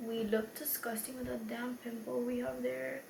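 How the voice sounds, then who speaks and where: High-voiced tipsy woman rambling. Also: flat delivery, normal speed, creaky. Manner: rambling, self-deprecating, mildly swearing. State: tipsy from beer. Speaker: beauty vlogger, tutorial host. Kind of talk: casual chatty makeup tutorial. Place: echoey room at home. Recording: echoey room with faint noise.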